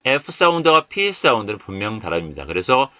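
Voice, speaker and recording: A man teaching English Bible verses and pronunciation, saying each word slowly and more than once before explaining it. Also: fairly low pitch, very animated, sharp tone, no room sound. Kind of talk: slow, deliberate pronunciation lesson.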